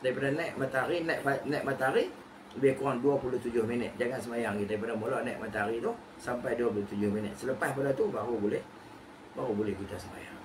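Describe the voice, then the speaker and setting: Religious teacher, repetitive teaching cadence. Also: male voice, medium pitch, fairly even intonation, fast talker. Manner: explains by repeating phrases, asks and answers own questions. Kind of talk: kitab study lecture. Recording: noisy recording with background ambience.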